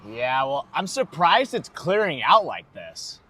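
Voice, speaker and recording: A man's voice: fairly high pitch, big pitch swings, unhurried, bright, forceful tone. An American man chatting casually on a livestream as a storm chaser, talking from inside a vehicle. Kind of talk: casual livestream chat while storm chasing.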